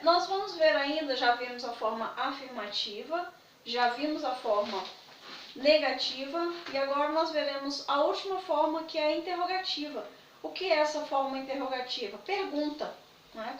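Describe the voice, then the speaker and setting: A woman's voice: high voice, roomy sound, distant mic, a little hiss or hum, poor audio. A woman, patiently explaining English grammar in a video lesson and checking in with her students often. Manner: patient, repeats points with "né?" and "tá?". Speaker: English teacher.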